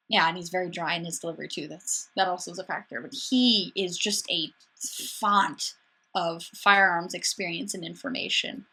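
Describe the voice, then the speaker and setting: Bright-voiced young woman from Wisconsin chatting. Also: lowish voice, breathy edge. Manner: chatty, upbeat, sarcastic, quick restarts. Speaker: livestream host. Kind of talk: casual livestream chat reading viewer comments. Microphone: webcam mic.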